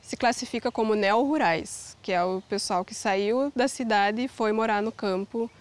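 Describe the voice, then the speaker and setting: A woman in her thirties, an organic farmer, calmly explaining her work in an outdoor interview. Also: a little high, moderate pace. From Brazil. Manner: calm, plain, explanatory. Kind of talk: interview answers. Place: outdoors on a farm.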